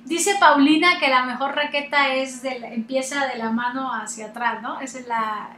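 A chatty woman hosts a relaxed interview over a video call. Her voice sits high and bright. It carries a roomy echo. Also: normal speed, slight background noise. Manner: chatty and animated, laughs often. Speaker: host. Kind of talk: casual chat interview.

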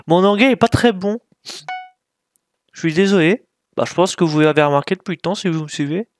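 A gaming YouTuber gives casual commentary while playing, thinking out loud and poking fun at himself with frequent apologies. His voice is high-pitched and brisk.

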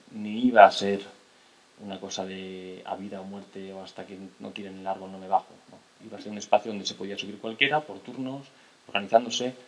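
A man, lecturing from a table in a lecture hall, hesitant, with restarts and tag questions. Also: on the low side. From Spain. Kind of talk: lecture to an audience. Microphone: table mic on a stand.

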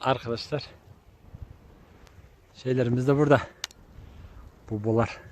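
A man's voice: steady tone, measured pace, darkish tone. Chatty man in a noisy outdoor kennel. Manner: chatty, talks sweetly to his dogs in a higher voice. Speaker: dog breeder showing his kennel. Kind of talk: casual vlog narration. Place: outdoors in snow at a rural kennel.

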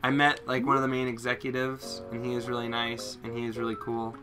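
A woman's voice: a bass voice, completely flat delivery, a little fast. A young woman hosting a casual let's play, chatty and teasing as she rambles through the game. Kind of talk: casual gameplay chat. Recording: game music playing behind.

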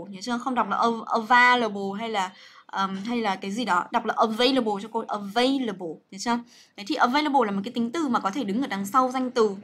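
A woman's voice: a little high, a bit bright. A young woman teaching English grammar on a livestream, chatty and coaxing, full of fillers and checks with her students.

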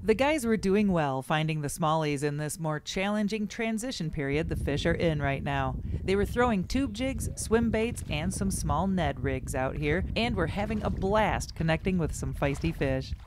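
A woman, the show's host, reading scripted voice-over narration in a bright, even manner. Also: on the low side, normal speed, few pauses, background noise. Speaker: show host.

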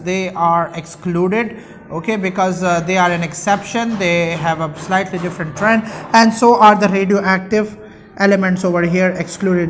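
A man's voice: high voice, slight background noise. A young man gives an explanatory classroom lecture. He teaches by posing questions and answering them himself, adding short check-in tags as he goes. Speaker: chemistry teacher. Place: indoor room at a whiteboard.

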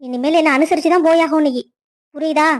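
A high-voiced cartoon stepmother, played by a woman, spiteful and bossy, who taunts and scolds in sharp bursts. She sounds cold and domineering toward the girl she raised. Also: fairly even intonation, brisk, lightly acted. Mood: scornful. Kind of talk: cartoon story voice acting.

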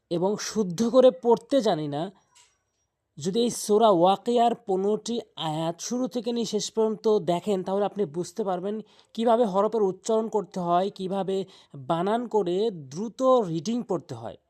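A woman teaching Quran reading, spelling out Arabic letters in Bengali and chanting verses in long drawn-out tones. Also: mid-range voice, warm tone. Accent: Bangladeshi Bengali. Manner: drawn-out melodic recitation between plain explanations.

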